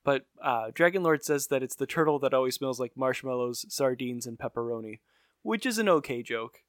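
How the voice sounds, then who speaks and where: A man's voice: medium pitch, animated, moderate pace, no room sound. A man co-hosting a podcast, recapping a cartoon episode in a tired, sarcastic, casual way. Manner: dry, weary, sarcastic. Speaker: podcast co-host.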